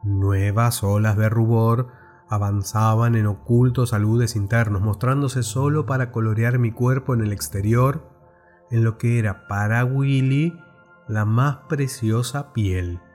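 A man narrating a story aloud in a measured, expressive reading. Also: medium pitch, faint music behind.

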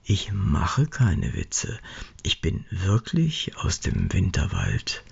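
Old real santa, slow and earnest, low raspy voice, a man putting him on. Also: huge pitch swings, a little mellow, muffled recording, heavily acted. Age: older.

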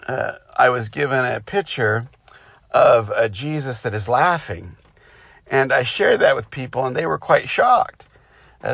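A man giving an informal, reflective spiritual talk in a halting, unscripted way, recorded inside a car with rain hitting it. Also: medium pitch, gravelly, a bit bright, dry recording. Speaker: spiritual teacher.

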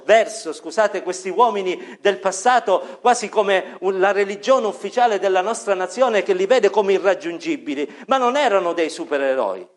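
A man preaching an evening sermon with fervent emphasis, rising on key words, dropping to quiet prayer, and sometimes correcting himself mid-sentence. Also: high-pitched. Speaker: pastor.

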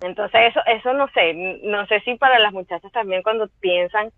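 A woman's voice: medium pitch, moderate pace, no room sound. Woman on a tinny, dry call line. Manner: chatty, many fillers and restarts. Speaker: voice actress. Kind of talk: casual interview chat. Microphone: video call.

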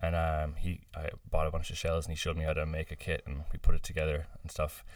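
A man from near Boston, a podcast guest, telling stories in relaxed, casual chat with lots of fillers. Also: very deep voice, fast talker, clear, resonant tone, no room sound, far from the mic. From United States, near Boston. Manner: relaxed storytelling with many fillers and laughs.

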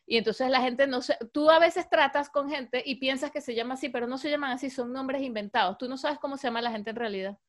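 A woman in her thirties with a fairly high voice, chatting casually as a co-host. She tells lively anecdotes, slips into acted voices for the people in her stories and mixes in English words. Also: fast, few pauses. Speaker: podcast co-host. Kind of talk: casual chat.

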